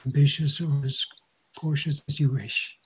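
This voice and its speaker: A man acting as a mediator, calmly paraphrasing what each side says, with many pauses and fillers, on a dull lo-fi recording. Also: a little high, breathy edge. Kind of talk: guided mediation dialogue.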